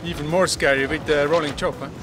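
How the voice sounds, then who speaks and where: A man's voice: on the high side, steady tone, fast talker, noisy background. Hesitant man interviewed on the beach. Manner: hesitant, filler uh, tag questions. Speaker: speed windsurfer, interviewee. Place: windy beach outdoors. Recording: music playing behind.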